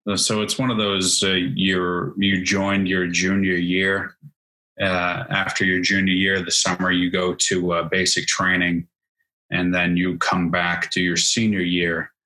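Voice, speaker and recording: Low-voiced, forceful man from New Hampshire, forties; chatty, filler-heavy interview guest. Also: completely flat delivery, measured pace, low-quality recording. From New Hampshire, USA. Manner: rambling, many fillers and restarts. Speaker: guest, Army veteran. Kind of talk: casual interview chat.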